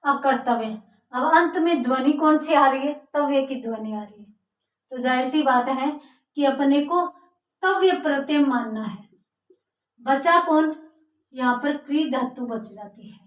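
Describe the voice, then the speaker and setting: A woman's voice: high-pitched, measured pace, distant mic. A woman teaching a grammar lesson, explaining step by step and answering her own questions. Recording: echoey room, voice from off mic.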